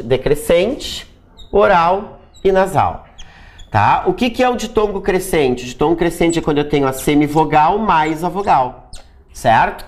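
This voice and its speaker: A grammar teacher leads a recorded exam-prep lesson, the voice sitting at a mid pitch but swinging widely up and down. Nearly every point closes with a quick checking "tá?" or "né?". Key rules are said over and over, and example words are drawn out slowly to show how they sound. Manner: repeats key points for emphasis.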